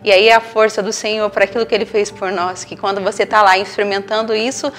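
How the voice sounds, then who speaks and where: A woman with a Brazilian Portuguese accent, a church leader preaching in a gentle, reflective way. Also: mid-range voice, little pitch movement, quick pace, soft background music. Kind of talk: sermon.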